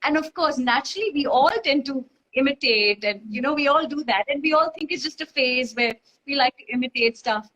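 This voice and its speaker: A woman from Dubai chats as an interview guest, her voice sitting high and light. She rambles cheerfully, piling up fillers and circling back on her own sentences. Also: brisk, few pauses, fairly bright tone, low-quality recording. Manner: rambling, bubbly, many fillers and self-corrections. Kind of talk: casual chat.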